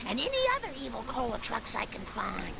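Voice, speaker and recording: An actress playing a harried middle-aged housewife and mother in a video game, with a raspy, gravelly voice, griping wearily or vowing to act. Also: a little high, huge pitch swings, a little fast, sharp tone, exaggerated voice, poor audio. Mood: determined. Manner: weary complaints, then determined resolve. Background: game music.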